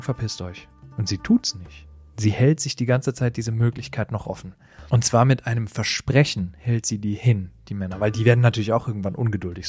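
A male podcast co-host with a mid-range, darkish voice tells stories in a casual conversational podcast. He's reflective and explanatory, sprinkling in colloquial asides.

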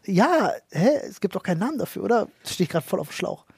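A man co-hosting a casual podcast chat, speaking in slang and pausing to search for words. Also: high-pitched, sing-song, vocal fry, slightly rough, no room sound. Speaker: podcast co-host.

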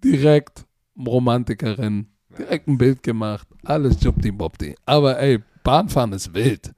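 Animated slangy man, dry mic. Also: mid-range voice, moderate pace, dry recording. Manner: animated, slangy, acts out dialogue. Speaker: podcast co-host. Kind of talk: casual chat, storytelling.

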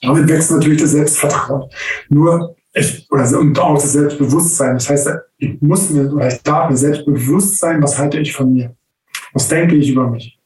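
Animated German coach, roomy sound. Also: male voice, on the high side, moderate pace, far from the mic. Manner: animated storyteller, acts out the people he quotes. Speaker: coach and trainer. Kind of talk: conversational interview. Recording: roomy sound, a little off-mic.

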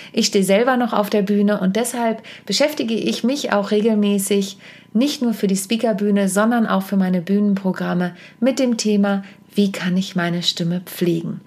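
A woman's voice: mid-range voice, a little mellow. A middle-aged woman hosting a podcast, giving voice-care advice in a chatty, direct way with asides and self-corrections. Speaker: podcast host and stage coach. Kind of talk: casual spoken podcast advice. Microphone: podcast microphone.

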